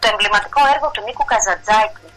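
A woman's voice: mid-range voice, a bit bright, rough recording. A woman from Greece reporting culture news as a correspondent in a casual radio chat, chatty and full of fillers and restarts.

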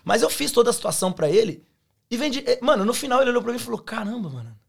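A Brazilian man in his thirties, a podcast guest and former bank teller, telling animated stories in casual chat, slangy and often restarting his sentences. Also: extremely high pitch, racing, gravelly.

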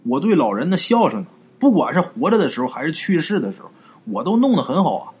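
A man's voice: on the high side, sing-song, quick pace, a little mellow, husky, heavily acted. A man voicing a worried, earnest middle-aged villager with a bad leg, pleading with a healer.

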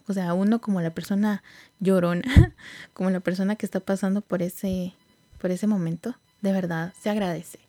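A woman hosting a podcast, speaking in a casual, reflective way with many fillers and some soft whispered asides. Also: mid-range voice, no echo. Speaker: podcast host.

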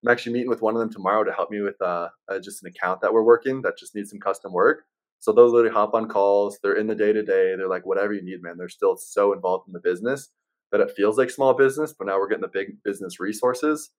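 Male sales rep guest, fairly low voice, conversational and easygoing, explains like a practiced seller. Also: quick pace, poor audio. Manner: easygoing, salesman-like explaining, says man and right often. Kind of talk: casual chat.

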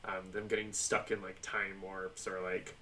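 A man's voice: low voice, level tone, moderate pace, pushed and bright, recorded from a distance, a little hiss or hum. A man co-hosting a podcast, chatting loosely about a book and swearing freely. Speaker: podcast co-host. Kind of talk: casual book discussion.

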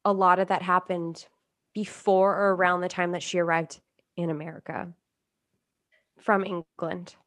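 A woman's voice: lowish voice, little pitch movement, moderate pace, pauses often, a bit bright, no echo. A young woman hosting a casual podcast, telling a history story in a joking, chatty way and swearing freely. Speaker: podcast host.

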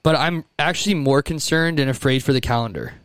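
A man co-hosting a dad podcast from home over a call, jokey and quick to get excited. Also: fairly high pitch, no room sound. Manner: jokey, excitable, laughs often. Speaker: podcast co-host. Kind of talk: casual chat. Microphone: remote call recording.

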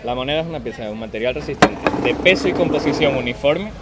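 Fast-talking young man. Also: mid-range voice, lively intonation. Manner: pedantic, reads out definitions. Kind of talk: casual banter among friends. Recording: outdoor crowd noise behind.

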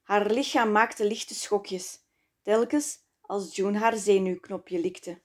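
A woman reading her own book aloud in slow, measured, intimate scripted narration. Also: medium pitch, steady tone. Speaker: author and narrator.

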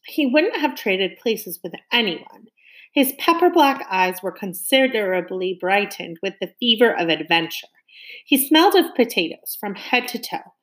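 A woman reading a children's novel aloud in a lively way, slowing down for emphasis and turning to her young listeners with questions. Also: mid-range voice. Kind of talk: expressive read-aloud of a novel.

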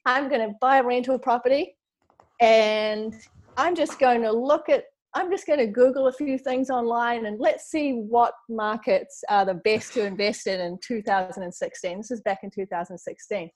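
Speaking at a normal speed with a fairly high pitch, this podcast guest is a woman in her forties from New Zealand with the accent to match. The interview talk is relaxed and chatty, peppered with fillers and lines of her own quoted self-talk.

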